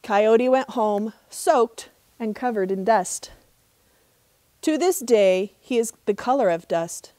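A middle-aged woman narrates a children's trickster tale with deliberate expression. Her voice is fairly high and very unhurried, recorded outdoors with no echo. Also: mellow. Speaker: park ranger reading a children's story. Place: outdoors in open desert.

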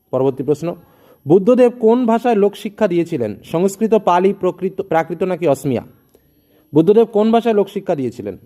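A man's voice: high voice, warm tone. A male tutor reading exam questions with their options and then giving the answers, speaking directly to students. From West Bengal, India.

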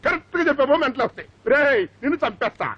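A man's voice: very high voice, lively intonation, racing, no echo. An actor playing a hot-headed middle-aged father in a comic film, blustering and indignant. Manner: blustering, indignant, loud outbursts. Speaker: father searching for his son. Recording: slightly muffled film audio with faint music.

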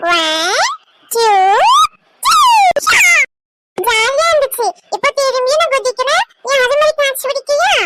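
A voice actor playing a lively, chatty little boy in a cartoon, eager and pleading as he talks. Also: measured pace, long pauses, full character voice. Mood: playful. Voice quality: very high, squeaky child voice. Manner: sing-song counting, eager and pleading. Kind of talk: cartoon voice acting. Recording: loud background noise.

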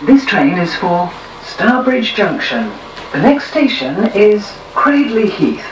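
A pre-recorded train announcement voice, its words spliced together from separate clips, speaking in an even, formal way. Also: mid-range voice, takes it slowly, reverberant, far from the mic. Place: onboard a moving train. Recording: muffled tannoy in a noisy train carriage.

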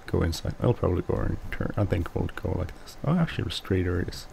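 Deep gravelly man with a Swedish accent. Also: dark tone, slight background noise, rough recording. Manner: mumbling, halting, with many restarts. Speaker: let's play host. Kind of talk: casual gameplay commentary.

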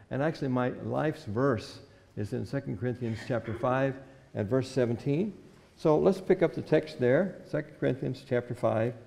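In a large hall, a man with a medium-pitched, gravelly, warm voice delivers a sermon. He is an older pastor speaking into a stand mic at the pulpit, reading scripture aloud in an earnest, old-fashioned style.

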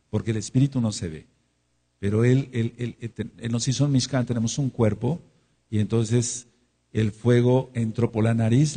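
A man's voice: medium pitch, dark tone, slightly rough. A man with a Mexican accent preaching a sermon as pastor, emphatic, often repeating words. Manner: emphatic, repeats words, voices imagined questioners.

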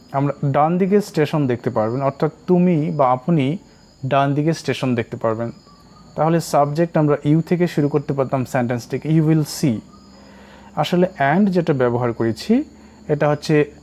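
A man with a Bengali accent teaching spoken English, repeating each English phrase slowly and deliberately. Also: on the high side, a little mellow.

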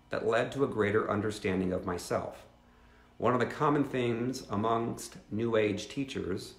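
Seated in his home living room, an earnest man in his fifties reads a teaching steadily while making asides to his viewers. The voice is fairly low and comes across reverberant.

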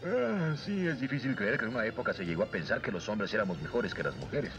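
An earnest young heroic prince of a cartoon. He talks fast and with lively swings of pitch, good-natured, in Latin American Spanish, with music behind him. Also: dull audio. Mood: agreeable. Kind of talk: dubbed cartoon acting.

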